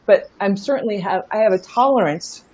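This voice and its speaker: Her medium-pitched, darkish voice moves fairly quickly as she tells casual stories as an interview guest. She's a middle-aged startup founder, candid and emphatic, who keeps checking in with the listener, and the recording is rough with no echo.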